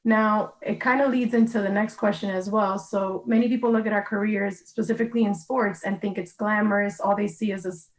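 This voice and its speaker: A woman's voice: mid-range voice, steady tone, a little fast, few pauses, low-quality recording. A woman hosting a live interview over a video call, setting up her questions in a friendly, chatty way. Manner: friendly, sets up questions at length. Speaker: interview host.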